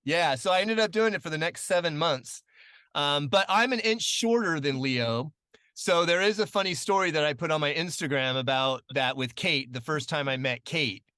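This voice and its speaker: A chatty man in his late forties tells stories as a podcast guest, his voice bright and a little high for a man. He talks loosely with lots of ums, and his voice perks up whenever he quotes someone. The sound is dry and close. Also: normal speed, dry recording. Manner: chatty, many fillers, animated when quoting. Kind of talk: casual storytelling interview.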